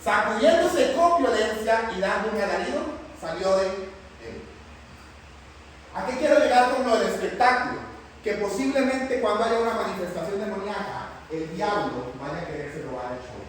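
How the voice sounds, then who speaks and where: A man teaching a Bible class in a lively way, often putting questions to the class. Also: high-pitched, normal speed. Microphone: far from the mic. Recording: echoey hall from far off, faint noise.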